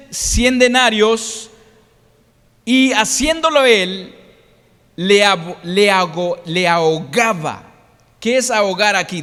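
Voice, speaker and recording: A man's voice: high voice, a bit bright. A man preaching a sermon, reading scripture and explaining it plainly to the congregation with frequent restarts. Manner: reads scripture aloud and explains it in plain words; addresses the congregation directly, many restarts. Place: church hall. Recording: long reverb of a church hall.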